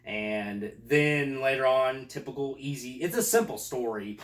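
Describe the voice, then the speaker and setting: A man's voice: mid-range voice, animated, measured pace, roomy sound, distant mic. A man casually chatting about a movie he loves, swearing freely and laughing as he recalls scenes. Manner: laughing, profane, quotes scenes in put-on voices. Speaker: podcast co-host.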